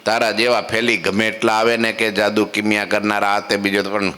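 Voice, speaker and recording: A man's voice: lowish voice, flat delivery, fairly quick, sharp tone, in a large hall, voice pushed down. A man voicing a stubborn, devout village woman in a story he tells, scolding and defiant.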